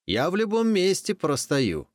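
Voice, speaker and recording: A young foal, put on by a man in a storybook telling, high-pitched and emphatic, well above the narrator's voice. Close, dry recording. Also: wildly swooping pitch, unhurried, dry recording, full character voice. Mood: insistent. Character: young foal, carefree then desperate.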